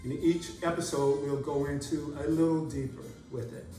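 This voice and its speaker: His voice is fairly high, mellow, and fairly even in intonation, with soft music in the background. He hosts a casual podcast, talking haltingly with many "uh" fillers. A distant mic makes the sound roomy.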